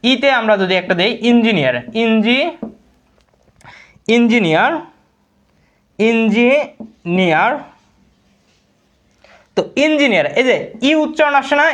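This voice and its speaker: A man's voice: sits high, fairly bright tone. A man with a Bangladeshi Bengali accent teaching English grammar in a live online class, repeating words and answering his own questions.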